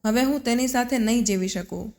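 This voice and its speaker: Lady doing a stubborn young wife in a storybook, sharp and indignant, kinda high, echoey. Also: brisk, close to an everyday voice. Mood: furious. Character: headstrong young wife, angry and proud. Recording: long reverb.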